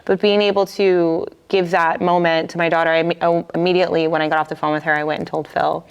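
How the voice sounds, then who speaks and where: Woman, 40s, from the US, low smooth voice, podcast guest, chatty storyteller. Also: fast talker, muffled recording. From United States. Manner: animated storytelling, peppered with fillers. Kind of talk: casual storytelling.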